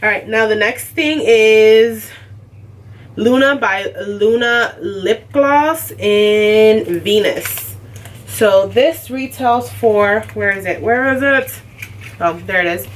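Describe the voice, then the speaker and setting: A woman's voice: mid-range voice, slow. A young woman chatting casually as a beauty vlogger, full of "like" and "um" as she goes. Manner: chatty, lots of "like" and "um". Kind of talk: casual unboxing chat. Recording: slightly distant, faint background noise.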